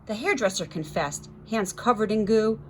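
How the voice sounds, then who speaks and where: A woman guest storybook reader with a medium pitch reads a rhyming children's story aloud at normal speed, rhythmically and dramatically, adding chatty asides to her young listeners. Background noise can be heard.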